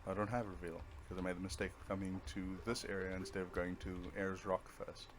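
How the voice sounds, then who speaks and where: A let's play host with a low voice talks fairly quickly and flatly over his own video game playthrough. His commentary is casual and offhand, half directed at himself.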